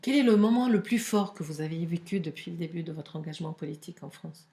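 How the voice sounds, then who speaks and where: Low-voiced woman interviewer, off-mic. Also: quick pace, warm tone, reverberant. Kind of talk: asking interview questions.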